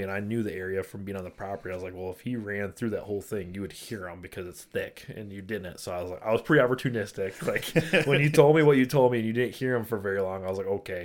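A man's voice: lowish voice, a little mellow. A man from Michigan co-hosting the show, reacting eagerly and replaying his side of the conversation. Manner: reactive, enthusiastic, quotes himself. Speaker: co-host. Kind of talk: casual conversational chat.

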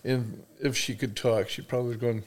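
A man's voice: medium pitch, fairly even intonation, fairly quick. A man sharing a hunting story in casual family chat, chuckling as he goes. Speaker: family guest.

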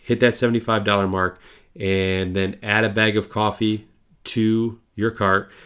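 Male podcast host, casual and rambling, lowish voice. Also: unhurried, clean tone. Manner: relaxed, rambling, lots of fillers.

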